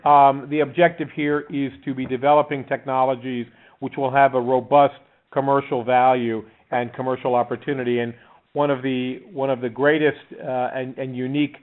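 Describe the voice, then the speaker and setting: A man making formal business remarks on a conference call over a speakerphone, in deliberate, halting corporate phrasing. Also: medium pitch, flat delivery. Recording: narrowband conference phone line.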